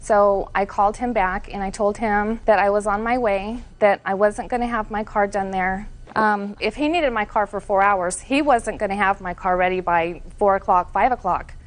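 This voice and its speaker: A woman plaintiff lays out her account in court, earnest and full of detail, quick to defend herself. Her voice sits at an ordinary middle pitch. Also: fairly even intonation. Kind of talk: testimony in court.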